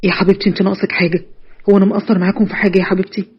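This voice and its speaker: A soft, reassuring Egyptian father, voiced by a woman narrator. He speaks in a somewhat lowered, husky tone, gentle and protective, on a muffled lo-fi recording. The delivery stays quick despite the warmth. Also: level tone. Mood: tender. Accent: Egyptian Arabic.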